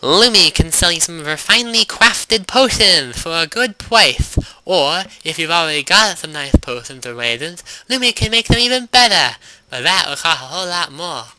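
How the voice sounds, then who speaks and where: A man voicing a small, hyperactive female goblin alchemist with an eager sales pitch. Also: animated, normal speed, bright, forceful tone, slight background noise, low-quality recording. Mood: salesy.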